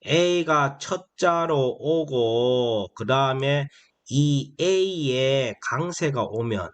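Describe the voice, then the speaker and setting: A man gives a beginner English phonics lesson at a middle pitch. He asks a question and then answers it himself, over and over, and he stretches out the important phrases. His delivery is patient and repetitive. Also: animated. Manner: drawls key phrases slowly; calls vowels moms and consonants sons. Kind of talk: slow explanatory lesson for beginners.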